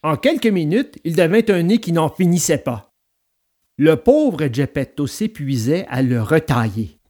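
A man narrating a children's storybook aloud in an expressive, dramatic read-aloud manner. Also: fairly high pitch, measured pace.

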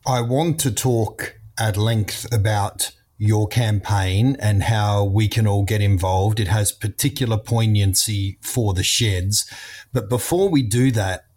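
A man's voice: fairly low pitch, a little mellow. A man hosting an interview, asking long, articulate, plain-spoken questions. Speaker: host.

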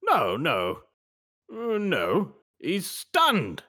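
A shifty British pet shop owner put on by a man in an amateur comedy sketch, stammering through his excuses. His voice rides high and swings widely in pitch. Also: wildly swooping pitch, very slow, sharp tone, full character voice. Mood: insisting. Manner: stammering, evasive. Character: evasive English male pet shop owner.

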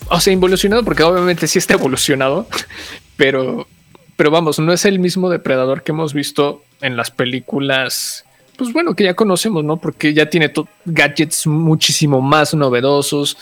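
A man's voice: a little high, moderate pace, fairly bright tone. A man, co-hosting a casual film review chat, hesitant with many restarts and fillers.

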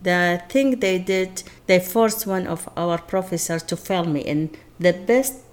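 Iraqi-born woman in her sixties, low voice. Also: a little slow. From Iraq. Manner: non-native English, simple phrasing. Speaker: interview guest. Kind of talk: personal life story interview.

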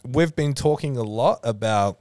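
A man's voice: medium pitch, moderate pace, no room sound, studio quality. A man hosting a podcast, chatting casually with many fillers. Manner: relaxed, explains at length with many fillers. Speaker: podcast host, powerlifting organiser. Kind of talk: casual chat.

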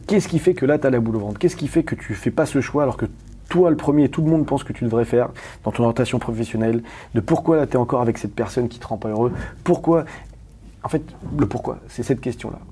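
A man from Paris, a guest talking candidly in an interview, rapid and emphatic with many restarts and questions to the listener. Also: mid-range voice, warm tone, slight background noise. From Paris, France.

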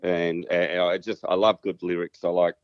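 An Australian man with a low voice talks casually as an interview guest. He rambles and hesitates, modest about himself. The recording sounds slightly dull and muffled. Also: little pitch movement, normal speed, clear, resonant tone, no echo. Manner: hesitant, rambling, self-deprecating. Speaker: interview guest, musician and singer.

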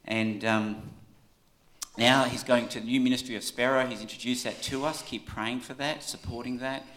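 An Australian man giving an informal church tribute in a halting, conversational way, often checking in with his listeners. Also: medium pitch, steady tone, fairly bright tone, slight background noise, rough recording.

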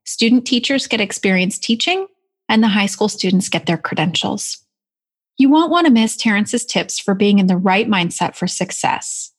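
A woman's voice: mid-range voice, expressive, normal speed. A woman in her forties hosting a podcast as an executive coach, enthusiastic and effusive in her introductions and questions. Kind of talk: upbeat podcast interview.

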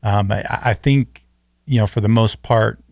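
A man's voice: on the low side, a little slow, creaky, darkish tone, no room sound, clean studio sound. A man co-hosting a podcast, talking casually and teasing his host in a laid-back way.

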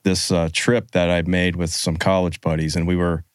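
A man's voice: low-pitched, level tone, normal speed, clean tone, no echo. A man in his fifties telling a rambling story as a guest, with laughs and put-on Southern quotes. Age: 50s. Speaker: musician guest. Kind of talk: casual storytelling.

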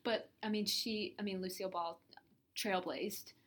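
A woman's voice: mid-range voice, steady tone, unhurried. A young adult woman chatting casually and informally as a podcast co-host, rambling a little. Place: room in a library.

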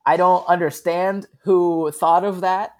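A man's voice: sits high, a little slow. A man, a sketch comedian, chatting casually as an interview guest, laughing often as he tells stories. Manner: laughs often, relaxed storytelling with fillers.

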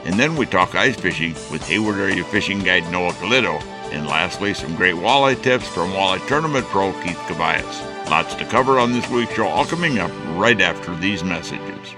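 A man hosts an outdoors radio show with scripted introductions and sponsor reads. His voice is fairly low, with music playing clearly behind it. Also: animated, moderate pace.

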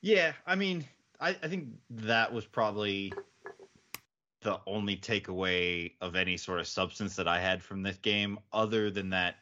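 Lowish-voiced man, slightly dull audio. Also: a bit bright. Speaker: podcast panelist. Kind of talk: casual sports chat.

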